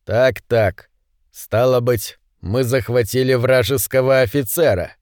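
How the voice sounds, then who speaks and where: A man's voice: mid-range voice, measured pace, darkish tone, dry recording, clean studio sound, lightly acted. A man reading an audiobook, voicing a militia leader who speaks in rousing, declamatory tones. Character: bald male militia leader, speechifying.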